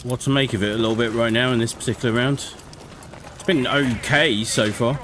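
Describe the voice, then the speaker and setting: A man's voice: medium pitch, steady tone, a little fast. Man streaming, game noise behind. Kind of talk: casual live gameplay commentary. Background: shooter game sound effects.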